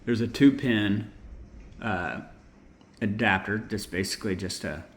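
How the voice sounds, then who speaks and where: In a casual how-to walkthrough, a hobbyist maker rambles through his homemade gear setup, informal and often correcting himself. His voice is fairly low and fairly bright, his pace measured, and the roomy recording carries faint ambience with a little hiss or hum.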